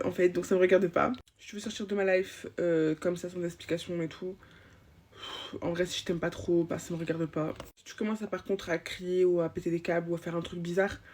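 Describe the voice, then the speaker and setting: A woman's voice: lowish voice, a little mellow, lightly acted. Chatty, bossy school supervisor played by a woman for a POV comedy clip, rambling and slangy. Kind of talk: comic POV sketch.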